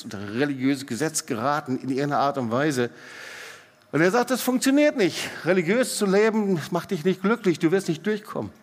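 A middle-aged man preaching a sermon, swinging between loud emphatic rises and soft quiet drops, often putting questions straight to the congregation. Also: medium pitch. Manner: asks the congregation direct questions. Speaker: pastor. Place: church hall. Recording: long church hall reverb.

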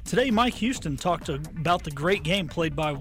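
A man reading a brisk scripted sports news update on radio. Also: a little high, animated, fairly bright tone, faint music behind. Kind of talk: read sports news bulletin.

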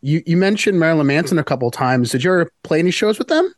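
A man hosting a casual interview, asking relaxed questions. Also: a little high, fast talker. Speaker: podcast host.

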